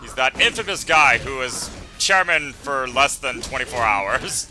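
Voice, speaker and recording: A man doing casual let's play commentary, halting and stammering as he rephrases his thoughts. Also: medium pitch, expressive, pushed and bright, soft background music. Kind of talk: casual rambling game commentary.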